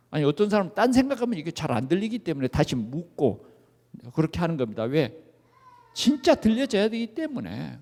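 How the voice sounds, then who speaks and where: A male pastor with a high voice preaches with lively rises and falls, often putting questions to the congregation. His voice rings out through a spacious, echoing church sanctuary. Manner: animated, asks the congregation questions. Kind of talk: sermon. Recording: echoey church hall.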